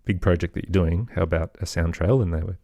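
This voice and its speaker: This middle-aged podcast guest, an audio storyteller and producer, chats casually but hesitantly, rambling and downplaying himself. He talks fast in a low, dark voice with vocal fry, and no room sound is audible.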